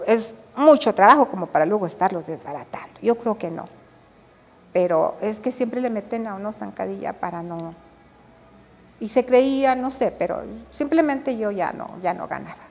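An older Mexican woman recalls her years as an embroidery artisan in a lively interview. She tells her stories with animation, voicing the people she quotes. Her voice, of middle pitch, carries a long reverb. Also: normal speed. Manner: animated storytelling, acts out quoted dialogue. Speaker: embroidery and drawn-thread artisan. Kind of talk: reminiscing interview.

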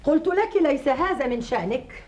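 A woman's voice: mid-range voice, sing-song, quick pace, darkish tone, close to an everyday voice. An actress playing a stern, secretive mother who answers curtly.

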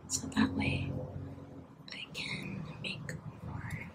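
A soft spoken woman in her twenties whispering ASMR close to the mic in a hotel room. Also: extremely slow. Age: 20s. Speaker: beginner ASMR video maker. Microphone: close to camera or laptop, leaning in.

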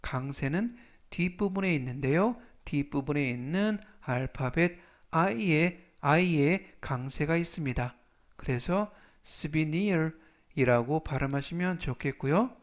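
A man teaching English vocabulary in a scripted lesson, saying each word slowly and repeating it three times. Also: a little high, lively intonation.

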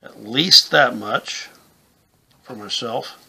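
A man's voice: mid-range voice, slow, creaky, pushed and bright, breathy edge, low-quality recording. A man in his fifties giving a casual, plain-spoken hands-on tutorial, explaining things step by step in an informal way. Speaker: instructor, game call maker. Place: small indoor room with camouflage backdrop.

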